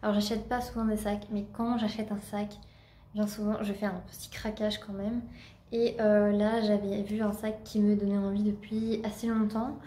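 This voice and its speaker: A woman's voice: medium pitch, little pitch movement, moderate pace, mellow, reverberant. A woman with a Normandy French accent chatting casually at home in a vlog, with many fillers and restarts. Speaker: vlogger.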